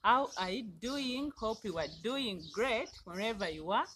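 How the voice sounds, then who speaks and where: A woman's voice: a little high, expressive, measured pace, a bit bright, a little hiss or hum. A young Ugandan woman with a Ugandan accent chatting casually to her camera in a garden, friendly and repetitive, with words drawn out. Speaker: vlogger. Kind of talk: casual vlog talk to camera. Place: outdoors in a garden.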